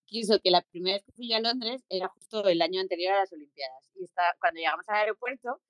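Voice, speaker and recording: A woman's voice: medium pitch, quick pace, a bit bright, dry recording. A woman from Spain telling anecdotes in a casual online group chat, laughing often and acting out the dialogue. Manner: laughing storyteller, acts out dialogue. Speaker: guest. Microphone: online audio room.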